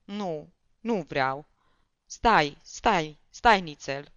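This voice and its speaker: A man's voice: a little high, very animated, no room sound. A narrator voicing a dazed, frightened drunken man who stammers and cries out in panic. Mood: pleading. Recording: dull, dry.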